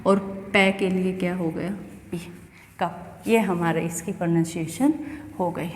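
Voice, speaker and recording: A woman's voice: fairly low pitch, fairly even intonation, measured pace, a little hiss or hum. A woman from India teaching an English pronunciation lesson, explaining step by step and often asking the student questions. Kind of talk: classroom lesson. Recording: echoey room with long reverb.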